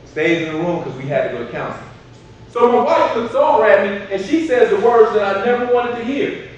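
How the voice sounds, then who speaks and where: A man speaks to a live audience with a high, lively voice that swings all over the place. He tells his stories with animated humor and laughs often. He sounds far from the microphone in a very echoey hall, with clear noise behind him. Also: a little fast, lo-fi sound. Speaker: motivational speaker. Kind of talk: humorous storytelling speech to an audience.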